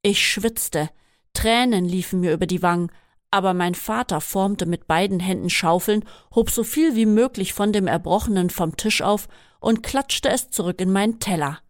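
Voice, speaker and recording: A woman reading a first-person memoir aloud in a steady, measured way. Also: mid-range voice, dry recording, studio quality. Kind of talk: scripted first-person narration.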